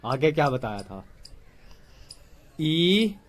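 A man's voice: on the high side, big pitch swings, very slow, a crowd in the background. A man vlogging at home, patiently quizzing a child on letters and numbers and calling out to the children at play. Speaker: family vlogger. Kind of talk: casual home vlog.

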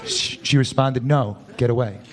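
Deadpan man on a comedy club stage. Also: medium pitch, moderate pace. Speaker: stand-up comedian. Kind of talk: stand-up set. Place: comedy club stage before a live audience. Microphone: handheld stage mic. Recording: loud club crowd and noise. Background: loud audience laughter.

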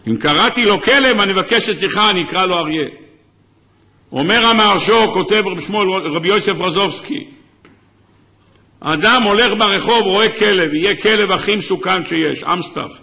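A man's voice: high-pitched, pushed and bright. A man, a rabbi, giving an impassioned sermon, sometimes crying out. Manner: impassioned preaching, crying out in places.

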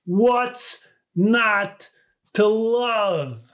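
A man's voice: high voice, very slow, a bit bright. A man in his fifties, a pastor, giving an enthusiastic sermon to a webcam from a small home study. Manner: enthusiastic, with big hand gestures. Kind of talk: sermon to camera.

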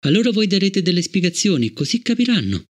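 A man reading an audiobook, voicing a cold, relentless male guard robot with a flat, formal manner. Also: sits high, fast talker. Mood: stern. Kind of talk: audiobook character voice.

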